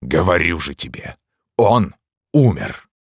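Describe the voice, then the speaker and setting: A man with a deep voice reading an audiobook and playing a desperate, obsessive priest who begs passionately and bursts out in despair. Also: normal speed, no echo, clean studio sound, lightly acted. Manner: pleading, passionate, with outbursts. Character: tormented middle-aged priest, desperate and obsessive.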